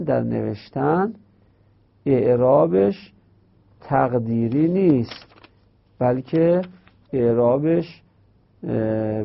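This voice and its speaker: A man teaching a grammar lesson in speech, explaining step by step and slowly repeating key terms. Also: on the high side, creaky. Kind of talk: Arabic grammar lecture. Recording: dull lo-fi recording.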